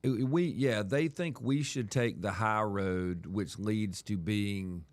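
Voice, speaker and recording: A man in his fifties hosts political talk radio, speaking very slowly and deliberately with a fairly low voice. He leans on repeated phrases and restarts his sentences as he presses each point. The sound is close and dry, with no room around it. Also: no room sound. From Southern United States. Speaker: radio talk show host.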